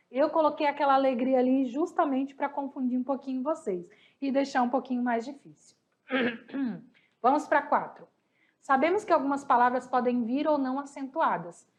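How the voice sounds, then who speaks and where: A Brazilian woman teaching a class, a little hoarse, patiently asking questions and answering them herself. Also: sits high. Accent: Brazilian Portuguese. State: slightly hoarse, coughing. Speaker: Spanish teacher. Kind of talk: online class explaining exercises.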